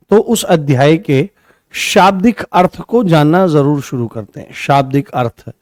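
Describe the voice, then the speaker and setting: A man's voice: on the high side, darkish tone, no room sound, clean studio sound. A man teaching an online grammar class, repeating key words and asking and answering his own questions.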